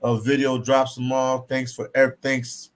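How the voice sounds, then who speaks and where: A man's voice: mid-range voice, little pitch movement, moderate pace. A man hosting a casual live stream, reading viewer comments aloud and teasing his co-host. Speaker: livestream host reading chat. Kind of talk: casual livestream chat.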